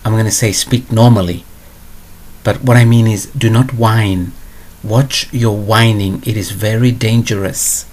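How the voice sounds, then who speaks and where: Husky-voiced man giving blunt spiritual advice. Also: lowish voice, steady tone, unhurried, a little mellow. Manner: blunt and digressive. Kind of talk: answering a viewer question to camera.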